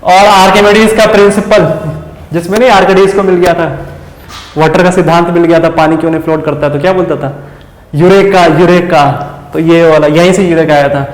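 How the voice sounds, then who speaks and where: A male teacher giving a casual exam-prep lesson, often stopping to ask his students quick questions. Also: a little high, little pitch movement. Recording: echoey room with long reverb.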